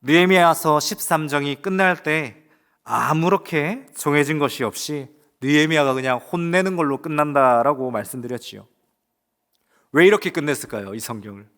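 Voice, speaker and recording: A man pastor delivering a sermon, swinging between loud rising exclamations and hushed asides, putting rhetorical questions to the congregation. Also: a little high, normal speed. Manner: emphatic preaching with rising exclamations and quiet asides.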